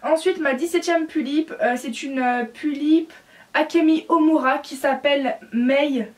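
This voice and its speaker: High-voiced chatty French woman vlogger. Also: unhurried. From France. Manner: rambling, hesitant, apologetic. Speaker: doll collector vlogger. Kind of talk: casual chatty vlog.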